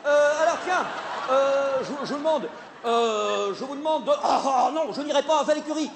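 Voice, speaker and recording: A man playing a flustered, stammering male theatre director in a live comedy sketch, hesitating and then bursting into shouts. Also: very high-pitched, moderate pace, a crowd in the background. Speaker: comic stage performer. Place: theatre stage with live audience. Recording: live stage recording, audience noise.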